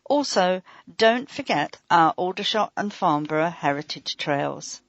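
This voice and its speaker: A woman giving a measured, scripted reading of a local council magazine, announcing events. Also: on the low side, animated, no room sound. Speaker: audio magazine reader. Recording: dry, dull lo-fi recording.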